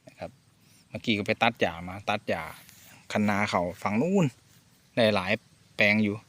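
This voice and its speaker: A man's voice: lowish voice, expressive, normal speed, fairly bright tone. A Thai man from Korat, a sugarcane farmer, chatting in a loose, easygoing vlog with a Korat accent and Isan words mixed in. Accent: Korat (Nakhon Ratchasima) Thai, mixing in Isan/Lao words. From Thailand. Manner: easygoing, chuckling, loose and meandering. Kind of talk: casual rambling vlog talk. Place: farm field outdoors.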